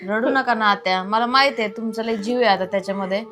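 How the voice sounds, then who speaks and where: A woman playing a daughter-in-law in a comedy sketch, gently coaxing an elder not to cry. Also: mid-range voice, quick pace. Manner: soothing and coaxing.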